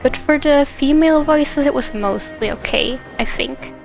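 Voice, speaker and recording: With a high voice, vocal fry, and a normal speed, a woman streamer chats casually and a bit hesitantly during gameplay. Her dull lo-fi microphone picks up faint game music in the background.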